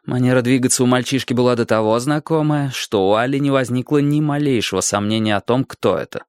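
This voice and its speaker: A man narrates a story in a steady, even way. His voice sits in a middle range. The recording is dry and close, with no room sound. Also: mid-range voice, fairly quick, smooth, dry recording. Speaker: audiobook narrator. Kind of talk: scripted narration.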